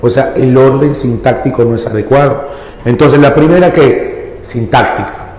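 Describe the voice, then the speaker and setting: A male teacher explains a language lesson slowly and keeps asking his students rhetorical questions. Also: mid-range voice, a little mellow. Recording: echoey room with long reverb.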